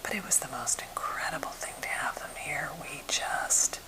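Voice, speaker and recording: An American woman whispering softly and breathily in a gentle, unhurried ASMR chat, as for a finger-tapping video. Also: sits low, low-quality recording. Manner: gentle, unhurried rambling storytelling. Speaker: ASMR creator showing wooden objects.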